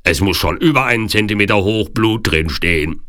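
A man voicing a plain-spoken male Turk henchman in an audiobook, calling loudly as if from a distance. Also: on the low side, fairly quick, dry recording, clean studio sound, voice pushed up, natural voice. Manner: loud, reporting calls from a distance. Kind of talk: audiobook character voice.

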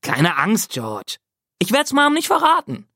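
Man putting on a teenage boy, brash, teasing, raised pitch, dry sound. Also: wildly swooping pitch, measured pace, gravelly, no echo, full character voice. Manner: loud, teasing, cocky.

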